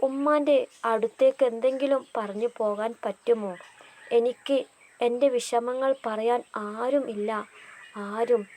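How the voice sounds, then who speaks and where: A woman's voice: fairly high pitch, steady tone, unhurried, darkish tone, lightly acted, poor audio. A woman voicing a young man on his wedding day, scornful at first and later tearful and pleading. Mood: aching. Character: grieving young groom, bitter yet tearful.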